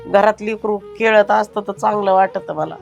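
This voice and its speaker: Mid-pitched woman, fussy elder in a sketch, faint music. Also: steady tone, normal speed, gravelly, muffled recording. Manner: instructive, fussing. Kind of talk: sketch comedy acting.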